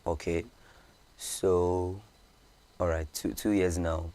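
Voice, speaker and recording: A man hosting an interview, preaching in Hausa before calmly questioning his guest and repeating her answers back. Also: low voice, slow pace. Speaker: host. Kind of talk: radio interview, opens with Hausa sermon.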